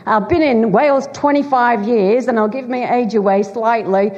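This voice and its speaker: Speaking with a Lancashire accent, this middle-aged woman from Bolton in Greater Manchester, England, is a guest preacher giving a church congregation a chatty, teasing sermon laced with self-deprecation. Her voice is on the high side and a little mellow at normal speed, captured dully in a church hall with long reverb.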